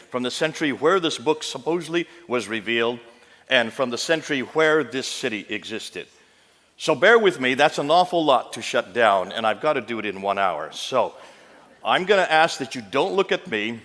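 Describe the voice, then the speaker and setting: A man's voice: mid-range voice, fairly bright tone. A man giving an emphatic public lecture to a live audience, punching and repeating his key phrases. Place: large hall with an audience. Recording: long hall reverb.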